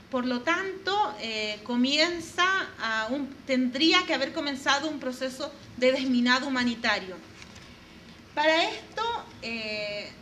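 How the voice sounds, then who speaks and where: Earnest high-voiced woman presenting. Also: sharp tone, slight background noise. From northern Chile. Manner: earnest, measured, with frequent pauses and fillers. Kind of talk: formal presentation to an audience.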